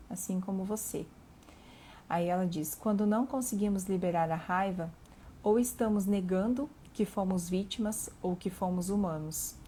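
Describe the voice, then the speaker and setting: A middle-aged woman with a Brazilian accent, hosting a reflective live talk on emotions and reading passages aloud in a calm, earnest way. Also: mid-range voice. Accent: Brazilian Portuguese. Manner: calm and earnest, pausing with fillers, asking the listener questions.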